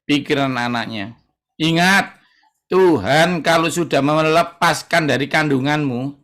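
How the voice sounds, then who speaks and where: A middle-aged man preaching in a church, his plain in his speech. He tells stories with energy and voices both sides of each conversation, his pitch sitting somewhat high for a man. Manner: lively storytelling, acting out both sides of dialogues. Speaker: pastor. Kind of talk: sermon.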